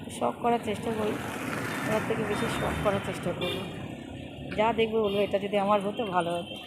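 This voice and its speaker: A middle-aged woman with a hoarse voice, chatting casually to her viewers in a lifestyle vlog while out near home. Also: medium pitch, fairly even intonation, fast talker. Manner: chatty, addresses viewers directly. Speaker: lifestyle vlogger. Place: out and about near home and shops. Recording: loud background noise.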